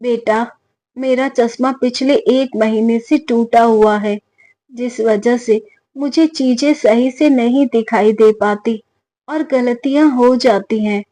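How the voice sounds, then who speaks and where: A woman voicing a meek, softly pleading older mother. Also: a little high, steady tone, slow, no echo, rough recording. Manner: soft, subdued pleading. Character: meek older mother-in-law, gentle and humble.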